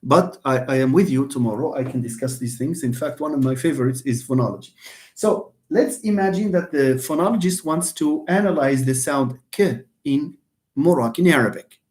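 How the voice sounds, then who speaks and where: A university lecturer gives a live online lecture in a medium-pitched, darkish voice at a moderate pace. The delivery is emphatic, repeating phrases and addressing students directly.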